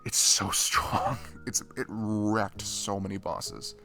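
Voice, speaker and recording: In an ASMR roleplay with faint music behind, a man portrays a dorky, shy young best friend and playful gamer who chats casually, rambling and stammering in excited, nerdy fashion. He speaks slowly in an exaggerated voice that's on the low side, creaky, pushed and bright.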